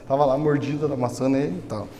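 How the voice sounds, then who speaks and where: A man with a Brazilian Portuguese accent preaching a sermon as pastor, moving between soft storytelling and loud, emotional preaching. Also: mid-range voice, steady tone, fairly quick, slight background noise. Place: church hall. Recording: echoey hall with long reverb.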